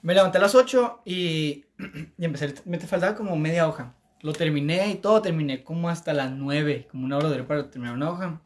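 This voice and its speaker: A man's voice: a little high, fast talker. A young man, co-hosting a casual podcast and telling stories, mixing English into his speech. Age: young adult. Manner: storytelling, mixes English into his speech, laughs often. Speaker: podcast co-host. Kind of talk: casual chat.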